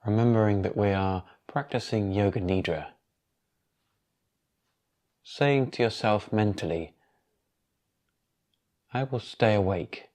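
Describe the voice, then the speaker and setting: A male guide leads a yoga nidra meditation in a fairly low voice. He stays calm and unhurried, leaving long pauses between each instruction.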